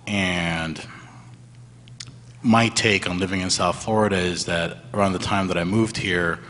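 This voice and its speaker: A man's voice: deep voice, steady tone, unhurried, a bit bright. A man in his thirties from Venezuela, speaking as a panelist with a wry, irreverent storytelling manner. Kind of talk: live panel talk. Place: museum event hall before an audience. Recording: live hall reverb.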